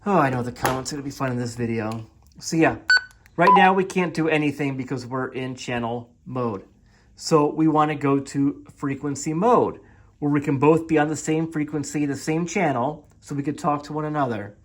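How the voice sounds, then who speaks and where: An American man with a fairly high voice, talking at normal speed, hosts a product review video. He chats informally with viewers in a casual gear review and walkthrough, explaining things for beginners.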